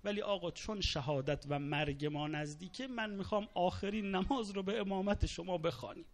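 A man preaching a sermon, recounting a martyrdom story with dramatic storytelling and quoted Arabic lines. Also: high-pitched. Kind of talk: sermon narrating a martyrdom account.

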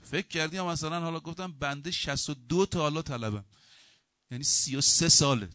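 A middle-aged male cleric delivering a sermon with a forceful, bright-edged voice. He stresses key words loudly, then drops into quieter asides, and weaves humorous anecdotes into his preaching. The sound is dry and close. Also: on the high side, dry recording. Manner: lively storytelling with humor, acting out quoted dialogue; emphatic preaching that shifts between loud stress and quieter asides.

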